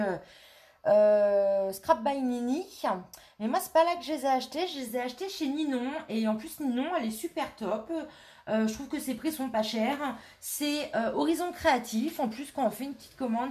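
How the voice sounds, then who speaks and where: A woman's voice: on the high side, darkish tone. Chatty woman demonstrating crafts live. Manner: chatty, hesitant, many fillers and restarts. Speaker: scrapbooking live host. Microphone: camera on a tripod.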